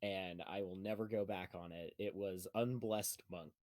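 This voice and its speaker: A man's voice: deep voice, steady tone, normal speed, darkish tone, no room sound, studio quality. A man co-hosting a podcast, talking enthusiastically about games in casual banter. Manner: enthusiastic, upbeat. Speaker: podcast co-host.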